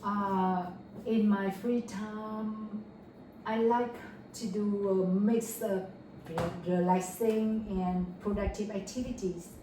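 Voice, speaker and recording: A young Vietnamese woman takes a mock speaking test, answering slowly in careful, rehearsed English full of fillers and self-corrections. Her voice sits at medium pitch with fairly even intonation. She sounds far from the mic in an echoey room, with faint background noise.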